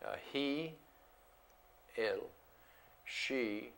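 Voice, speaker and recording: A man teaching an English grammar lesson to a class, slow and deliberate, repeating words and switching between English and Spanish. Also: mid-range voice, animated, vocal fry, fairly bright tone, slight background noise.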